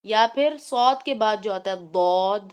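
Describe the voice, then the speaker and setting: Teaching recitation to students online, a woman speaks in a clean, somewhat high voice. Her explanations are patient and go step by step, with English terms mixed in.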